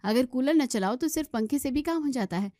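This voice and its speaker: A woman playing a high, pleading young daughter-in-law. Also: animated, a little fast, warm tone, no room sound, clean studio sound. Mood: defensive. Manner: pleading, defensive replies.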